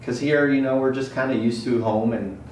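A man talking easygoing and relaxed as a guest in a casual workplace interview. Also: medium pitch, fairly quick, a little hiss or hum. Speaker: guest, company employee. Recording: roomy, distant from the mic.

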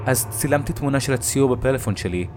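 A man telling a first-person horror story in a measured way, with dramatic pauses. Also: mid-range voice, animated, background noise.

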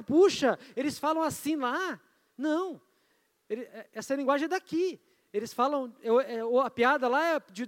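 A Brazilian pastor with an unusually high voice preaches a sermon in a loose, chatty style, tossing in asides and questions to the congregation. His voice echoes long through a large church hall. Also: fairly bright tone. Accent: Brazilian Portuguese. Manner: conversational preaching with asides and audience prompts.

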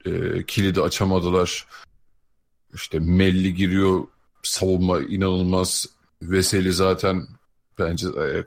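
A male podcast co-host talks sport in a very low voice. He sounds conversational and casual, thinking through his analysis as he speaks. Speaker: podcast co-host and basketball commentator.

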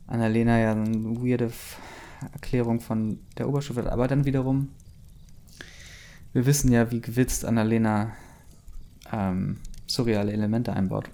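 A man's voice: lowish voice, gravelly, dark tone. A man reading a story aloud, breaking off for dry, mocking asides. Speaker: reader of fan fiction.

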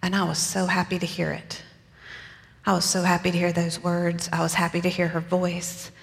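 A woman's voice: fairly low pitch, monotone, normal speed, creaky, long reverb tail. A woman preaching in the first person as Mary, a young mother telling her own story in an earnest, conversational way with casual asides, in a church. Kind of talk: first-person dramatic sermon monologue.

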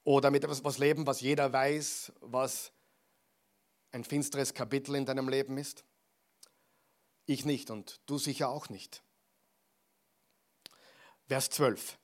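Ein Mann, der eine Predigt hält, im Gesprächston, der die Zuhörer direkt anspricht und manchmal leise wird. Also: male voice, medium pitch, steady tone, unhurried, pauses often. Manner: conversational, addresses listener directly, drops to soft asides. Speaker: preacher. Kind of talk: sermon.

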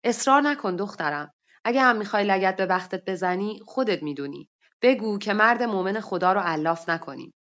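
A woman's voice: medium pitch, expressive, fairly bright tone, lightly acted. A woman voicing an older, pious woman who speaks in a firm, admonishing way, in dull lo-fi online audio. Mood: stern. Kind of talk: story reading.

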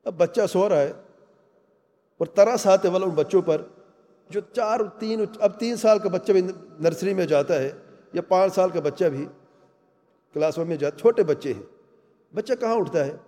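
A man's voice: sits high, pauses often, mellow. A man giving an earnest religious talk on family life, speaking emphatically and asking his listeners rhetorical questions. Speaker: Islamic lecturer. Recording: long reverb of a large hall.

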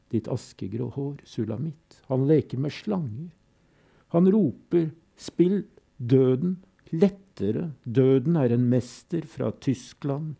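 A man reading poems aloud slowly and solemnly, with long pauses, and adding brief comments between them. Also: mid-range voice, gravelly, warm tone, husky. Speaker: poetry reader and commentator.

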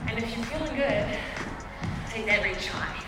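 Echoey, high-pitched woman calling fitness cues. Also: expressive, unhurried. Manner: upbeat, encouraging, calling out to a class. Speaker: group fitness class instructor. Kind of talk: calling out exercise cues with counts. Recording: echoey hall, distant mic, loud music. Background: loud workout music.

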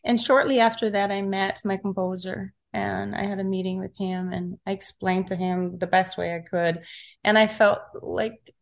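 Brief: middle-aged woman, reflective interview guest, gentle pauses, mid-pitched voice. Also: fairly even intonation, gravelly. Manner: soft-spoken, searching for words, many fillers. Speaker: recording artist interviewed.

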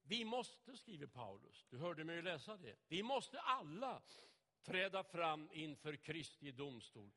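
A man's voice: fairly high pitch, very animated, bright, forceful tone. Man, preacher, vivid storyteller, sermon, church hall echo. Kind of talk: sermon with anecdotes.

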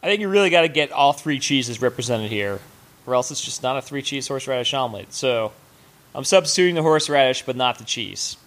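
A man's voice: medium pitch, expressive, a bit bright. A man hosting a sports fan show, ranting with sarcasm and profanity while he cooks. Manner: sarcastic, profane, fast rants. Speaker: host of a sports fan podcast. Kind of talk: casual ranting commentary while cooking.

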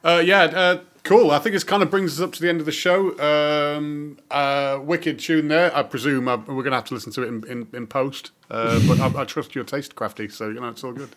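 A man's voice: on the high side, fairly even intonation, brisk, hardly any pauses, a bit bright. A man hosting a podcast, chatting casually and joking, with lots of fillers. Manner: rambling, jokey, full of fillers. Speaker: podcast host. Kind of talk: casual chat. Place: remote call. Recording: music playing behind.

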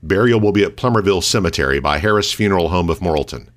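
American man, lower register, scripted morning radio news host for a local station. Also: expressive, quick pace.

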